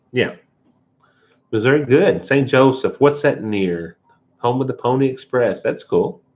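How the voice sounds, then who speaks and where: Low-voiced Kentucky man chatting live. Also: darkish tone, lo-fi sound. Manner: rambling, chuckling, answers chat comments. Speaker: live stream host. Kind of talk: casual live-stream chat.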